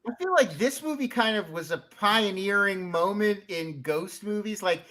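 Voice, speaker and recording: Bright, excitable man riffing fast. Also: sits high. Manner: excitable, quick run-on riffs. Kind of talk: casual group chat.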